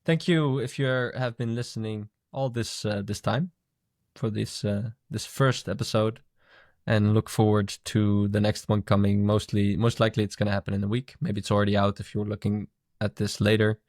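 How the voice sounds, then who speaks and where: A man's voice: on the low side, level tone, normal speed, darkish tone, dry recording, clean studio sound. A man co-hosting a podcast in casual chat, thoughtful and musing as he talks. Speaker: podcast co-host.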